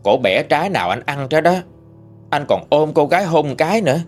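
A man with a Southern Vietnamese accent telling a ghost story in a folksy, animated way. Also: brisk, soft background music. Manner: folksy, animated retelling with lively pitch swings.

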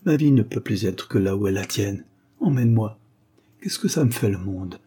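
A man's voice: medium pitch, unhurried, warm tone, slightly rough. Tearful pleading young woman, read by a man. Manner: pleading, emotional.

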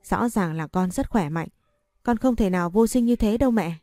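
A woman's voice: mid-range voice, moderate pace, dark tone, dry recording, soft background music, natural voice. A woman voicing a young wife who begs and stammers through tears in a storybook reading. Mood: pleading. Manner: stammering, begging. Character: young wife, tearful and pleading.

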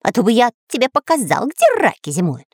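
A woman's voice: a little high, wildly swooping pitch, fairly quick, husky, no room sound, studio quality, voice pushed up, full character voice. A woman doing a whiny cowardly spy. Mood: regretful. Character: cowardly grumbling male spy.

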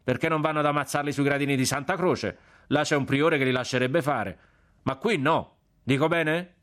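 A male reader voicing a big, hot-tempered friar who scolds loudly. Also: fairly high pitch, moderate pace, pitched above the performer's own voice, natural voice. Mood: indignant. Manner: scolding, shouting. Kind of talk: audiobook character voice.

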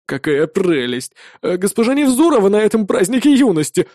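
A rowdy male bartender shrieks and whoops with over-the-top glee, as a narrator puts him on. The voice leaps high and swings wildly. It sounds close and dry. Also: sing-song, fairly quick, darkish tone, no echo. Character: exuberant, rowdy male bartender, loud show-off.

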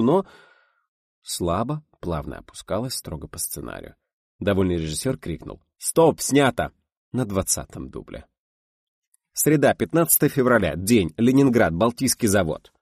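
A man's voice: on the low side, darkish tone, no echo, studio quality. A man narrating an audiobook, reading expressively and voicing the characters.

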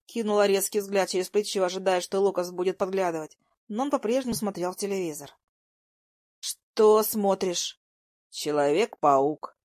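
A young woman narrating a first-person story in a soft, even storytelling voice. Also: medium pitch, quick pace, no room sound, studio quality.

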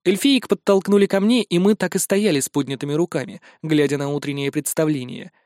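A man narrating an audiobook in a steady storytelling manner. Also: on the high side, fairly quick, no room sound, studio quality.

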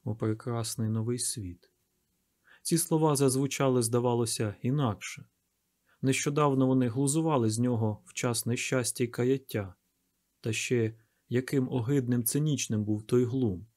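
A man narrating a novel in a measured, expressive audiobook reading. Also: mid-range voice. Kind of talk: scripted literary narration.

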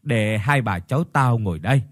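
A man's voice: lowish voice, expressive, moderate pace, no echo, faint music behind. A man voicing a grieving old village grandmother in a spoken ghost story, staying close to his own reading voice. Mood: bossy.

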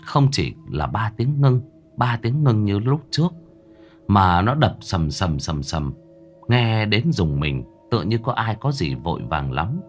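A man narrating a horror story in a dramatic, suspenseful manner, slowing down for tense moments. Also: lowish voice, sing-song. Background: soft background music.

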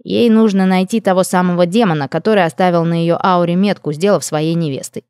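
A woman's voice: lowish voice, fairly even intonation, brisk, darkish tone, clear, resonant tone, no echo, clean studio sound, natural voice. Woman voicing a cheeky whiny familiar. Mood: tattling. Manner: cheeky, complaining. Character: magical scribe familiar, male, cheeky and whiny.

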